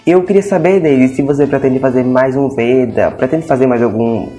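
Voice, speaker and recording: A man's voice: medium pitch, brisk, mellow. Chatty Brazilian podcast host, man. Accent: Brazilian Portuguese. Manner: chatty, repeats "tá?" often. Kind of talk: casual podcast interview.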